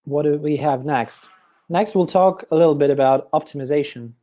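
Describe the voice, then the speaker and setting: A man presenting an online webinar, explaining step by step with many fillers, his voice getting hoarse. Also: fairly high pitch, normal speed, warm tone. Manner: explanatory, step-by-step, with frequent fillers and throat clearing.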